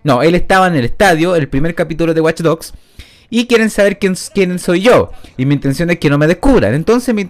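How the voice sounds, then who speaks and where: A man's voice: on the high side, lively intonation, fairly quick. A man, giving rambling, self-mocking gameplay commentary into a studio microphone. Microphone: new studio microphone.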